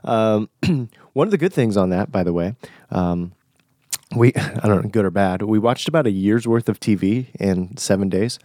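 A man's voice: on the low side, animated, normal speed, mellow, no room sound, clean studio sound. A young man with a nasal, congested voice from a recent illness, talking casually and informally as a podcast host. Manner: informal, conversational, buddy-like slang. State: recovering from flu, stuffy nose. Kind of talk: casual solo podcast talk.

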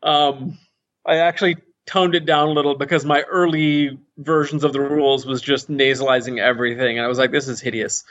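Speaking a little fast with a mid-range, fairly bright voice and little pitch movement, this author and language inventor is an interview guest. His casual, thoughtful talk is full of restarts and fillers, and the podcast audio sounds muffled and dull.

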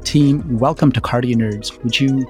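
A man's voice: mid-range voice, a little slow, faint music behind. A man hosting a medical podcast, introducing guests in an upbeat, welcoming way. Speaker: podcast host. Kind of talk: scripted introduction.

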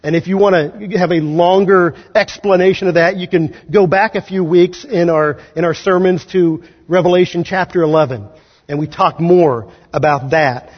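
A man preaching a sermon as pastor, talking conversationally and slipping into quick acted asides. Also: high-pitched, husky. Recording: dull audio in a large hall.

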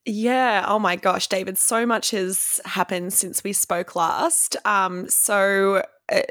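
A woman's voice: mid-range voice, steady tone, slow pace, fairly bright tone, dry recording, clean studio sound. Upbeat Australian woman chatting. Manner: upbeat, enthusiastic, laughs easily. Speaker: co-host, musician and coach. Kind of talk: casual interview chat.

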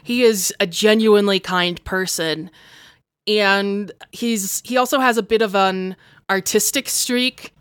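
A woman player chatting in character during a tabletop game, in a relaxed, chatty way. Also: mid-range voice, a little slow, clean tone, no echo, clean studio sound. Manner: relaxed, chatty, laughs often.

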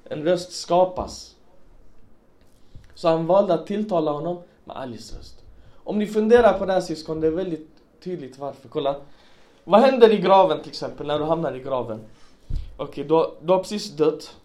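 A preacher gives a religious talk to a congregation, telling stories and asking his listeners rhetorical questions. His slightly high voice is warm, with lively intonation.

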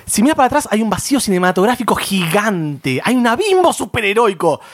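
An Argentine man with a high, swooping voice in a casual podcast debate. He argues emphatically, laying on sarcastic mock-grand praise. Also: very animated, a little fast, no echo. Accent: Argentine Spanish. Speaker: podcast panelist.

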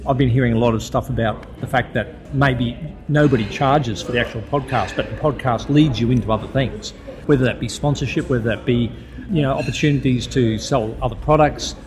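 A man hosting a podcast interview, asking questions and sharing opinions in a relaxed, conversational way. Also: mid-range voice, a little fast, a crowd in the background. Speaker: podcast host. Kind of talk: casual interview talk.

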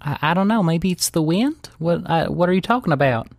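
A woman's voice: fairly low pitch, animated, brisk, a little mellow, dry recording, clean studio sound, voice pushed up. A game master voicing a shy, introverted island woman who stutters and says y'all. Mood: defensive. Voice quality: stutter, folksy y'all speech.

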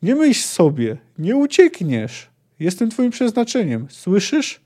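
A woman's voice: mid-range voice, huge pitch swings, slow, mellow, pitched above the performer's own voice, heavily acted. A man voicing a small desperate girl who calls out shrilly and pleads with a departing man in an audiobook-style reading. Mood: desperate pleading.

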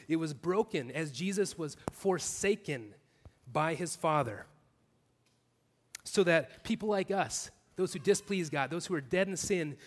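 A male pastor delivers an earnest sermon, stacking his points in repeated clauses. His voice sits a little higher than most men's. The sound rings with the long reverb of a church hall.

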